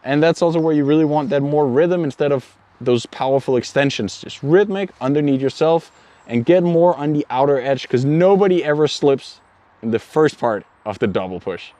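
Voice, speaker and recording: A man's voice: fairly high pitch, animated, normal speed, warm tone, dry recording. A man from Denmark explaining inline skating technique in an earnest, repetitive tutorial manner. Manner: earnest, explanatory, repeats words while thinking. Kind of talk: instructional tutorial.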